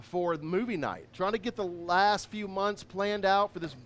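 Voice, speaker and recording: A man's voice: high-pitched, normal speed, fairly bright tone, slight background noise. A man co-hosting a cooking show with casual hype-man banter. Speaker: chef and co-host.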